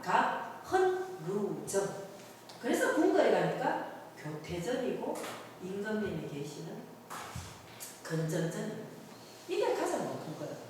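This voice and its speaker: A woman's voice: a little high, slight background noise. A middle-aged woman, a tour guide giving a humanities lecture and asking the audience questions. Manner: lively, asks the audience questions. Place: lecture hall. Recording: echoey hall, voice from far off.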